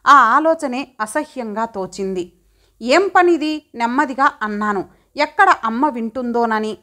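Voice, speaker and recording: Woman audiobook narrator, high voice, measured first-person storytelling. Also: bright, forceful tone.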